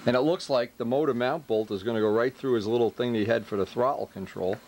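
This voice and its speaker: A man talks casually through hands-on workshop jobs, giving instructions mixed with teasing banter. His pitch is average, and a faint layer of workshop noise sits behind him. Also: fast talker, darkish tone. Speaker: host, model plane builder directing helpers.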